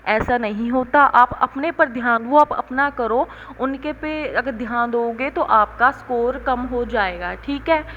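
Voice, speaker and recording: A young woman explains exam tips in a relaxed, chatty lesson, sprinkling English words into her Hindi and pausing for a quick "theek hai". Her voice sits a little high. The recording is slightly dull, with faint noise in the room behind her. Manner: repeats "theek hai" as a check-in; mixes English terms into Hindi. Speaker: exam coaching tutor. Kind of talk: casual spoken lesson.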